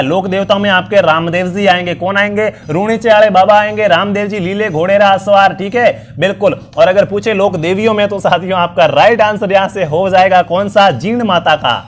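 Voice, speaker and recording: A young man, his voice strained and worn, teaching a live online quiz class and quizzing students over and over in an upbeat way. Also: high-pitched. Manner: repetitive, upbeat quizzing with frequent fillers. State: strained, worn voice from illness and long talking. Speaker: online exam-prep teacher.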